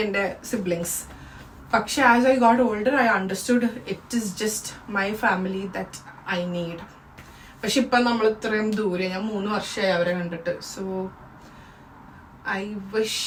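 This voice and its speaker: Bold, loud Malayali woman. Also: medium pitch, slow. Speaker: co-host. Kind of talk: casual Q&A chat. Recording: distant mic with faint noise.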